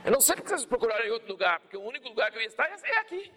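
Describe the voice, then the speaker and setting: A man preaching voices a calm young son who explains himself to his mother. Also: extremely high pitch, very fast, in a large hall, slight background noise, heavily acted. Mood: calm explaining.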